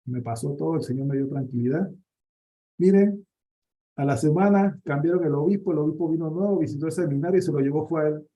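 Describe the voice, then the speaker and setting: A priest from Panama, giving a personal faith testimony in a lively storytelling manner, with many restarts. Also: male voice, fairly high pitch, fast. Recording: dull lo-fi recording.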